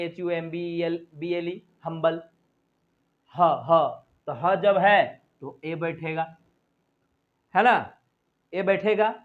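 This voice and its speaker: A man teaching English grammar, repeating words and sounds slowly to drill pronunciation. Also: high-pitched. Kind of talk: classroom-style grammar lesson. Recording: tinny phone-like audio.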